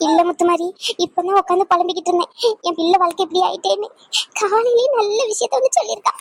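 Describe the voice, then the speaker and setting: A woman's voice: very high voice, steady tone, quick pace, vocal fry. A woman voicing a fretful middle-aged village mother in a cartoon, lamenting and scolding with emotion. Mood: anxious. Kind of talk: Tamil cartoon voice acting.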